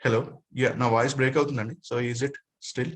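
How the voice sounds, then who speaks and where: A man's voice: mid-range voice, steady tone, moderate pace. A man with a Telugu accent teaching an online class, mixing Telugu and English, his voice breaking up over a bad connection. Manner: explains step by step, mixing Telugu and English with frequent "okay" and "right?". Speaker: data analytics instructor. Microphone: online call.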